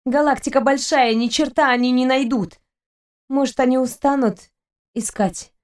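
A defiant young heroine in a storybook, voiced by a woman reader, sharp and pleading. The voice sits high, and the lines come out as outbursts. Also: fairly even intonation, normal speed, natural voice.

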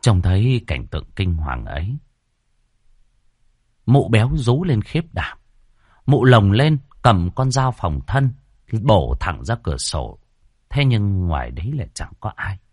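A man narrating a horror audiobook in a dramatic, expressive storytelling manner. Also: on the low side, measured pace, pauses often, breathy edge, no room sound, studio quality.

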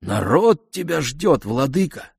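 A man voicing an old, weather-beaten royal messenger who speaks slowly and deferentially. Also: big pitch swings, gravelly, breathy edge, dry recording, studio quality, full character voice. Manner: deferential, slow and low.

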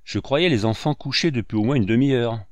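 A man reading aloud and voicing a gruff old brigadier who grumbles and bursts out loudly. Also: medium pitch, a little fast, dry recording, natural voice. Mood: grumbling. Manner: grumbling, loud outbursts.

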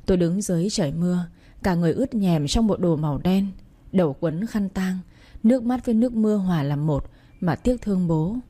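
A woman narrating a sad story as an audiobook reader, reading slowly and sorrowfully with emotion. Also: lowish voice, mellow.

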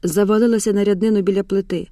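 A woman narrating an audiobook in a hushed, measured storytelling voice, recorded on a close studio mic. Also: mid-range voice, fairly even intonation, dry recording.

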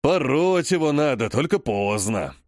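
A man voicing a grumbling old grandfather, the head of a noble clan, who speaks slowly and scolds. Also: medium pitch, very animated, no echo, studio quality. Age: over 60. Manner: slow, grumpy, scolding.

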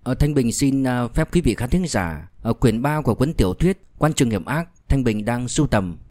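A man reading a crime novel aloud as a storyteller, in a measured, steady way. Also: medium pitch, dry recording. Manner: measured, with fillers in asides. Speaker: audiobook narrator.

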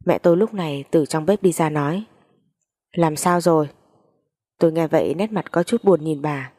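Woman audiobook reader, low and mellow, mournful. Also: fairly quick. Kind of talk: first-person story narration.

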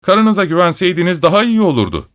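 A man voicing a clever, dry-witted male detective who speaks briskly and wryly. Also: high-pitched, big pitch swings, fairly bright tone, voice pushed up.

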